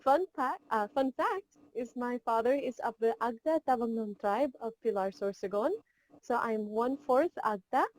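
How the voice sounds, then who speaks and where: A woman's voice: on the high side, moderate pace, a little mellow, slight background noise, poor audio. A woman in her twenties from Seattle, with an American accent, answering questions as a pageant contestant on a video call. She sounds earnest and upbeat, with a Filipino word here and there. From Seattle, United States. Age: 20s. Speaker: beauty pageant contestant guest. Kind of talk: casual online interview.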